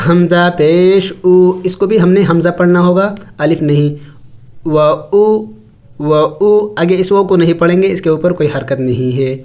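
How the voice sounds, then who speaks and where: A man with a Pakistani Urdu accent teaching Quran recitation with tajweed. He spells out letters and stretches syllables slowly, then explains the rules at a brisk clip. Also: fairly high pitch, warm tone.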